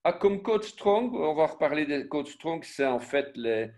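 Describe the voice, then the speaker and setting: A man, slightly high in pitch, teaching an online Biblical Hebrew class. He speaks very slowly, spelling sounds out letter by letter. He breaks off with fillers and corrects himself as he goes. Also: very animated, a little mellow. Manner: slow, spells out syllables and letters one by one; self-correcting, with frequent fillers and restarts. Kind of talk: online class with screen sharing.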